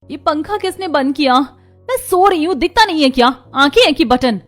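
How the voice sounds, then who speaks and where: A woman voicing a young daughter-in-law and a sulky daughter in a cartoon, gentle or sharp by turns. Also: on the high side, animated, fairly quick, soft background music, natural voice. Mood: petulant.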